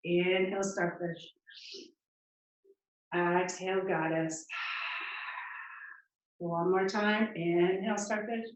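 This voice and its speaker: Slow, calm female yoga teacher, echoey. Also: on the low side, slight background noise. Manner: calm, encouraging cues with breath counts. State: slightly out of breath. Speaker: yoga instructor. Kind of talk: guided yoga class instruction. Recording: distant, echoey, muffled room sound.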